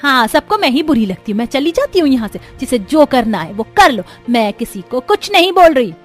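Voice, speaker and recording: Woman voicing a shrill scolding mother-in-law. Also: sing-song, a little fast, soft background music. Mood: sulking.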